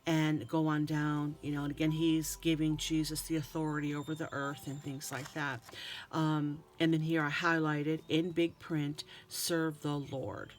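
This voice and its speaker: A woman's voice: low voice, level tone, normal speed, slight background noise. A woman giving a casual tutorial on Bible journaling, reading verses aloud and often repeating words and restarting as she explains.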